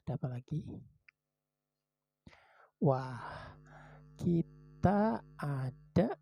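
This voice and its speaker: Tarot reader, casual and chatty, dark gravelly tone, unhurried card calls. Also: medium pitch, expressive, dry recording. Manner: chatty, slow card-by-card announcing; drops into soft whispers for short prayers. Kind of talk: casual tarot reading video. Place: indoors at home in the morning.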